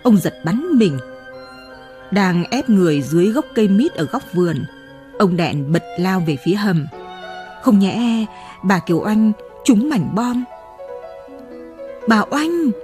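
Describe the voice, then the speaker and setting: Woman narrator for a novel audiobook: slow, dark and husky, measured delivery. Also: mid-range voice, lively intonation. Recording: dry close mic, faint music.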